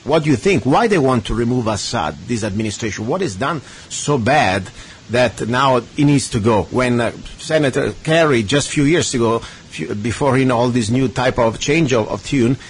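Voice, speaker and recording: A man's voice: lively intonation, normal speed. A man who speaks English as a second language, hosting a political radio interview with informal, impassioned talk and rhetorical questions. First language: not English. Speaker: radio show host. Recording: clear background noise with low rumble.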